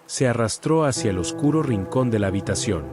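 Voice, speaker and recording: A man narrating a scripted horror story in a dramatic, suspenseful way, in short measured phrases. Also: mid-range voice, expressive. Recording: music bed under the narration.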